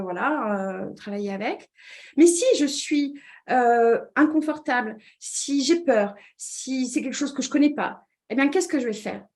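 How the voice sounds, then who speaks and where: A woman with a slightly high voice explains ideas as a communication trainer. She talks with many fillers and restarts. She keeps checking that her listeners are following. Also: darkish tone. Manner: checks in with listeners with repeated 'd'accord?'; hesitant restarts with frequent fillers. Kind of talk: explanatory talk.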